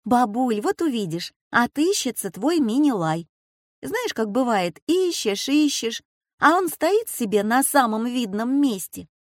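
A woman voicing a lively, teasing schoolgirl granddaughter in a storybook reading. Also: a little high, no echo, clean studio sound, voice pushed up. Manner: quick, teasing and bright.

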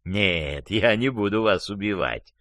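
A man's voice: mid-range voice, sing-song, unhurried, a bit bright, dry recording. A sarcastic, gloating man, voiced by a male narrator in a storybook reading. He sounds scornful and biting, with a dry, close sound. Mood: mocking, angry. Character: angry mocking man, jealous lover.

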